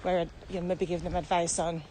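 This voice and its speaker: This podcast co-host, also a virtual training consultant, talks casually and explains things while walking outside. She has a warm, fairly low voice that barely shifts in pitch, and she speaks a little fast. Heavy traffic and ambient sound fill the outdoor recording.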